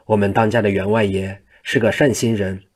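A man's voice: fairly low pitch, flat delivery, fairly quick, darkish tone, lightly acted. A man voicing an old male household servant who talks in an earnest, pleading way.

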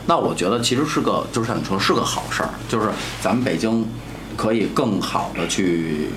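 A man's voice: on the low side, expressive, brisk. A man with a Beijing accent hosting a casual discussion, emphatic and colloquial, often repeating himself. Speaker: host. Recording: clear background noise.

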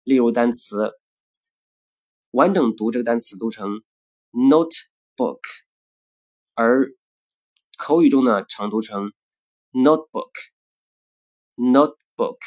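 A man teaching pronunciation in a recorded lesson, speaking deliberately and repeating example words slowly and carefully. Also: mid-range voice.

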